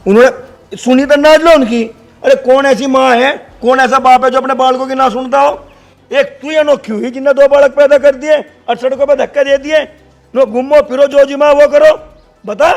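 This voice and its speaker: An actor with a Haryanvi accent playing a blunt villager who lectures his sister at length in rustic dialect. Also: extremely high pitch.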